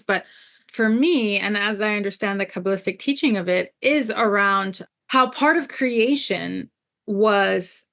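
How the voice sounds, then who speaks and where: A woman with a mid-range, creaky, somewhat bright voice is a podcast guest who works as a scholar and artist. Born in Jerusalem and a native Hebrew speaker, she moved to the US at ten. She speaks reflectively, explaining her ideas.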